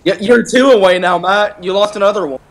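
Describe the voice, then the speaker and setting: A man's voice: high voice, fairly quick, poor audio. A man chiming in on a stream with casual, teasing remarks. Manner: teasing, jokey interjections. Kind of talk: casual banter.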